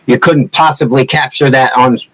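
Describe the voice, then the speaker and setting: A man's voice: mid-range voice, steady tone, moderate pace, slight background noise, rough recording. A man in his sixties from Massachusetts with no regional accent, chatting casually and teasing viewers as the host of a woodcarving livestream. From Massachusetts, USA. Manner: joking, teasing, rambling.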